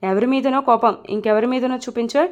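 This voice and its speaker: A woman's voice: fairly high pitch, fairly even intonation, fairly quick, highs cut off, lightly acted. A woman reading out a curt, arrogant young boss man. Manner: curt, defensive.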